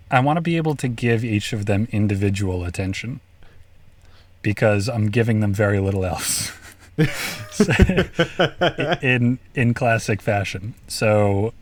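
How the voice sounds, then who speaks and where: A man's voice: mid-range voice, steady tone, slow, long pauses. A man co-hosting a podcast in casual chat, joking in a dry, mock-serious way. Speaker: podcast co-host.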